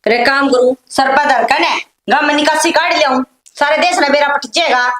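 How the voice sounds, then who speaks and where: An actress playing a taunting, quarrelsome sister-in-law in a family comedy drama, with a Haryanvi accent. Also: female voice, high voice, a little fast, bright, forceful tone, reverberant. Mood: scolding. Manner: taunting, scolding.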